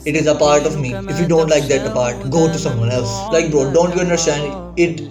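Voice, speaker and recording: Speaking briskly in a voice on the high side, an earnest young man, a student, talks to the camera with casual self-help advice, leaning on "bro" and "like" and restarting now and then. The mic sits at a distance, and nasheed vocals come through clearly in the background.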